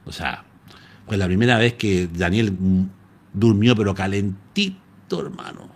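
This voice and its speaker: A pastor from Chile with a Chilean Spanish accent, preaching a live-streamed sermon in an animated storytelling manner. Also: male voice, fairly low pitch, measured pace. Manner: animated storytelling, addresses listeners as "hermano".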